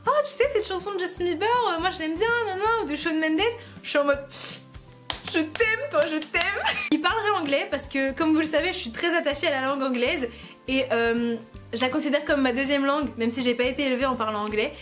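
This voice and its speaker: A young French woman YouTuber chats casually to her camera at home, playful and self-mocking, often breaking into laughter. Her voice sits high and brisk, with music in the background.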